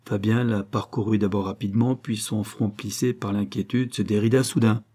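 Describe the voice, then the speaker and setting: A man reading a classic novel aloud as narrator, measured and dramatic. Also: on the low side, fairly even intonation, warm tone, husky. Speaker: audiobook narrator. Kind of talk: scripted narration.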